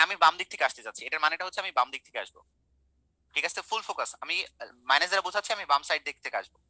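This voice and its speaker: Young male math tutor, online class. Bright, fast delivery, keeps checking in with students. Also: a little high, no echo, low-quality recording. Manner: colloquial, coaxing, quizzing students. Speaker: math teacher.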